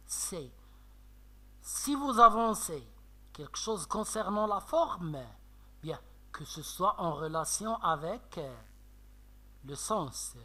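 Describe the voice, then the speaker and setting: A man teaching a French literature lesson with a Moroccan French accent, explaining slowly with many fillers and checks of "d'accord?". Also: high voice, sharp tone. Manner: slow, explanatory, frequent "euh" and "d'accord?". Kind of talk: classroom lecture on poetry analysis.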